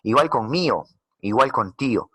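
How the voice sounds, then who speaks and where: A man teaching a recorded slide lesson, patiently explaining and slowly repeating key words. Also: mid-range voice, expressive, a bit bright, slightly rough, no echo.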